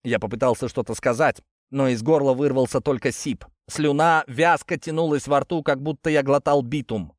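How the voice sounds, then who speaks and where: A man reading a first-person audiobook in a steady, grim storytelling manner. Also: mid-range voice, normal speed, dry recording, studio quality. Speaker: audiobook narrator.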